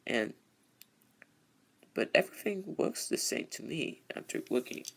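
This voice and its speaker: A man hosting a casual, rambling vlog, halting and repeating his phrases as he goes. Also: a little high, big pitch swings, gravelly, fairly bright tone, slight background noise. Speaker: video host, toy train hobbyist.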